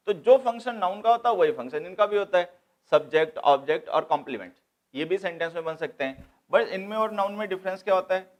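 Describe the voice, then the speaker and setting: A man teaching English grammar to exam students, explaining step by step and repeating key points. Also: high-pitched. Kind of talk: classroom lecture.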